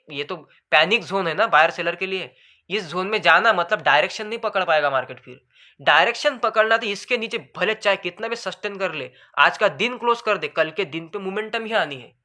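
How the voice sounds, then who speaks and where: A man explaining trading charts in a rapid, nonstop lesson, says his throat goes dry, calls viewers brother. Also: high-pitched, animated, bright, forceful tone. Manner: fast, talks continuously without pause; addresses viewers as bhai sahab. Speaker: trading educator. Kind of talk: screen-share chart lesson.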